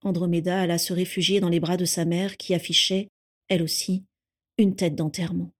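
A woman reading a fan fiction story aloud in a steady, calm narrating voice. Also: on the low side, brisk.

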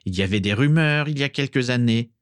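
A man's voice: mid-range voice, fast talker, smooth, dry recording, studio quality, pitched above the performer's own voice, lightly acted. A man voicing a malicious teenage schoolboy bully who taunts with a sneer in an audiobook reading. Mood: gloating. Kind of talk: audiobook character voice.

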